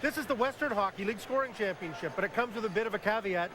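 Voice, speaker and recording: A man's voice: high voice, racing. A man giving hockey analysis on a live draft broadcast, emphatic and detailed with dry humor, heard from a worn VHS tape copy. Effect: hissy worn VHS tape copy. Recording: hissy old videotape broadcast with crowd.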